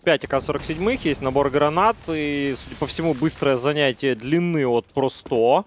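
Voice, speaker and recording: Guy doing excitable esports casting, kinda high voice, live match commentary. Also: moderate pace, a little hiss or hum. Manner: excitable esports caster calls, rising on big plays. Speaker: esports caster.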